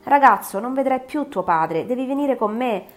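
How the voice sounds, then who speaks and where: A woman voicing a lonely, vengeful male creature in an audiobook, speaking in a grim, forceful way. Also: a little high, lively intonation, moderate pace, voice pushed up, natural voice. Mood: menacing.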